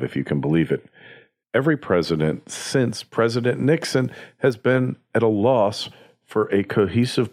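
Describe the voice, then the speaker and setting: This American podcast host has a lowish voice with a darkish tone. He delivers a partly scripted monologue of opinion commentary, forceful and full of conviction.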